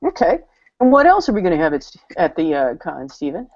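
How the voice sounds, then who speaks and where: A woman's voice: on the low side, wildly swooping pitch, a little fast, no echo. A woman hosting a casual chat, upbeat, asking questions and handing over to others. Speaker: host. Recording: dry, dull lo-fi audio.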